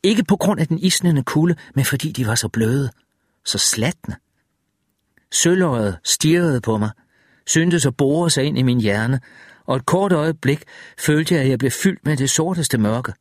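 A man reading a first-person horror story aloud in a tense, measured way. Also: mid-range voice, animated, no room sound, clean studio sound. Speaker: audiobook narrator. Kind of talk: first-person audiobook narration.

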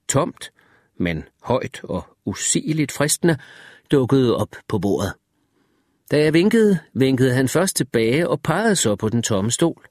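A man narrating an audiobook story in the first person, with an expressive storytelling delivery. His pitch moves in a lively way across phrases. The reading is recorded dry and close, with no room sound. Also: dry recording.

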